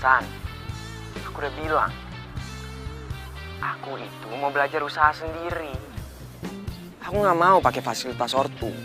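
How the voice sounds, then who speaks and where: A man's voice: mid-range voice, music in the background, lightly acted. A young actor with a Jakarta accent playing a blunt, hot-tempered male driver who talks in brash slang. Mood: calm. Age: young adult. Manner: quick to snap, brash slang.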